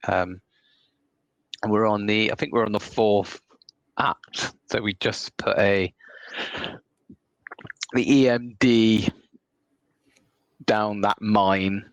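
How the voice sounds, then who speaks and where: A man's voice: fairly low pitch, fairly even intonation, slow pace, long pauses, no echo, low-quality recording. A man with an English West Country accent chatting casually as co-host of a gaming podcast, recorded on a phone. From Somerset, England. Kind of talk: casual chat.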